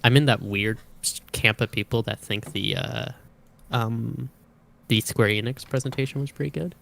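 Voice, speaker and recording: A man as a podcast guest, deadpan and halting, with many fillers. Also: mid-range voice, creaky. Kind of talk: casual podcast chat.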